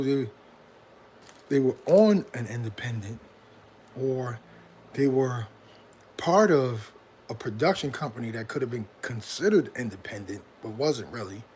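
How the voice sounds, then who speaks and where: A man's voice: medium pitch, a little mellow, slight background noise. A middle-aged man from Brooklyn with a New York accent, an independent hip hop artist chatting casually on a livestream in a slangy, rambling way outdoors. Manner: slangy, rambling, keeps asking "you know what I'm saying". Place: outdoors near a bridge.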